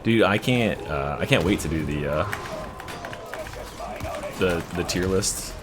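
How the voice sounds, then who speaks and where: With background noise behind him, a young man creating game build guides explains a build in loose, swearing commentary packed with fillers. He talks slowly in a low-pitched voice.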